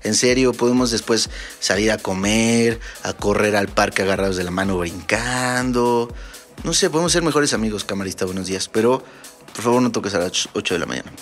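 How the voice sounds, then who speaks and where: A man with a Mexican accent, a DJ hosting a podcast, telling funny stories in a casual, animated way and swearing freely. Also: fairly low pitch, fairly quick, faint music behind. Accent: Mexican Spanish. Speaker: DJ and podcast host. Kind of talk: casual comedic storytelling.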